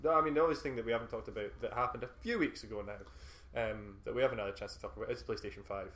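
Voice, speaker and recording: A man's voice: fairly low pitch, racing, fairly bright tone, roomy sound. A man co-hosting a podcast in a laid-back, joking way. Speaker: podcast co-host. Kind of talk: casual chat.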